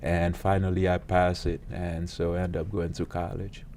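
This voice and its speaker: A man, a pastor and police officer telling his story as an interview guest in an earnest, halting way with many fillers. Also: sits low, level tone, a little mellow, slight background noise. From Haiti. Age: late 30s.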